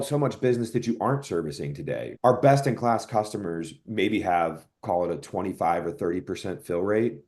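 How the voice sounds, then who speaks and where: In a fairly low, slightly mellow voice, a man gives conversational expert explanations as a podcast guest. He is a software product executive who works through ideas analytically, correcting himself as he thinks out loud.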